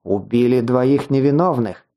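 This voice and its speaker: A man's voice: medium pitch, a little slow, mellow, natural voice. A man voicing a bearded mentor swordsman with a wry, condescending manner that turns bitter. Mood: angry. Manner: wry and condescending, angry when wronged.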